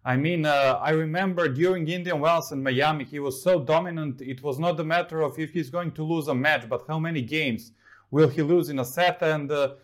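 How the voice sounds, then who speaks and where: A man from Serbia, a sports journalist co-hosting a casual talk show, speaking in a measured, analytical way with frequent fillers. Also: on the high side.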